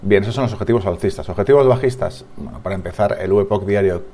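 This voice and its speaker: A man's voice: on the low side, fast, dark tone. A man with a Spanish accent from Spain, giving a market analysis over charts as a trading analyst, thinking aloud with frequent restarts and tag questions.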